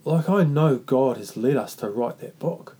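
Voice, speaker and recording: Mellow, halting man with a Māori New Zealand accent. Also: medium pitch, expressive, breathy edge. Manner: earnest, halting, repeats and restarts phrases. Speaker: podcast host. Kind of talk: reflective faith talk with Māori greetings and prayer.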